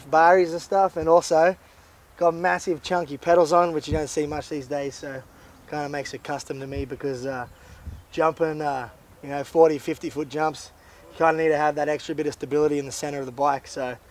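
A man's voice: on the high side, steady tone, brisk, darkish tone. A young man with an Australasian accent, chatting casually in a slangy, laid-back way as a BMX rider. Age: young adult. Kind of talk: casual bike-check talk. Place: outdoors by a stone wall and tree. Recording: outdoor ambient noise.

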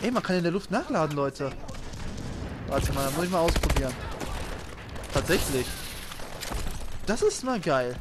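Higher-voiced man commentating on a game. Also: very animated, measured pace, pauses often. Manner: joking, sarcastic, swearing. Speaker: let's player. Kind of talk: casual gameplay commentary. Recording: game gunfire and noise behind. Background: video game gunfire.

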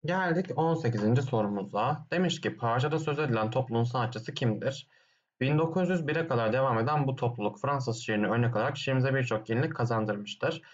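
One by one, a teacher tackles exam questions in this lesson, explaining each step and answering questions he asks himself, humming "dın dın dın" between points. The man speaks at medium pitch, recorded with lo-fi sound.

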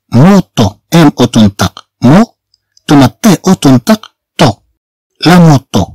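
A Moroccan man gives a beginner lesson in a dry, close voice-over with no room sound. His pitch rises and falls in lively swings as he says each word slowly, then repeats it two or three times so learners can copy him. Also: dry recording. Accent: Moroccan Arabic. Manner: slow, repeats each word several times to drill pronunciation. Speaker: French teacher.

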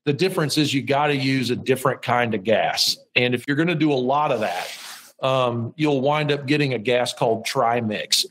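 A man's voice: medium pitch, moderate pace, fairly bright tone, poor audio. A middle-aged man hosting a podcast from his metal shop, explaining welding in a rambling, self-deprecating way with lots of ums and restarts. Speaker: podcast host. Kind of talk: casual how-to talk.

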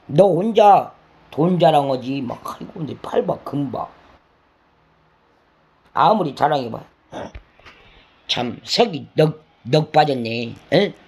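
Older man nagging in a lively, high voice. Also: slow pace, long pauses, husky. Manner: lecturing, nagging tag questions, coarse words; slips into sung lines and acted quotes. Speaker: elder lecturing a listener. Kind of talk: rambling scolding monologue.

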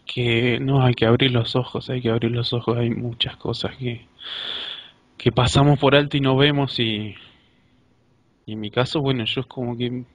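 A man's voice: mid-range voice, no room sound. A man, a hypnosis client describing his experience hesitantly, repeating words. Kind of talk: halting personal account.

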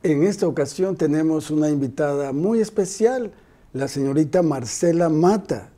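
A man in his sixties, a pastor hosting a devotional TV show, talking calmly and reflectively in a studio on a lapel mic. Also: fairly high pitch, normal speed. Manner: calm, reflective, paraphrases the guest. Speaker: pastor and TV host. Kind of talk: devotional TV interview. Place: TV studio set, indoors.

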